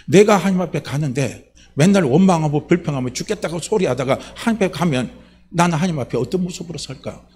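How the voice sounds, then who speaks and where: Animated male pastor preaching. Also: sits high, a little hiss or hum. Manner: animated preaching with rhetorical questions. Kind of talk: sermon.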